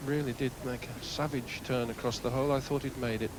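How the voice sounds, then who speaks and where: A man's voice: mid-range voice, fairly even intonation, a little fast. A man giving live commentary on a golf tournament as a broadcast commentator. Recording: noisy outdoor sports broadcast.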